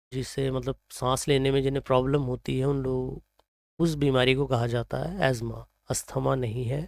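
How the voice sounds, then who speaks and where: A man with an Indian accent teaching English pronunciation, reading example sentences slowly and then explaining them. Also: mid-range voice, vocal fry, a little mellow, no echo, clean studio sound. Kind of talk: slow explanatory lesson, mixing Hindi and English.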